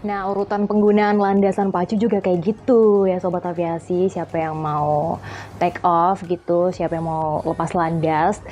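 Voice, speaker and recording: A woman runs a chatty, playful aviation explainer channel, using colloquial jokes and acted-out mini dialogues to teach. Her voice is fairly low and a little mellow, but her delivery is flat, at a normal speed. There's faint music in the background.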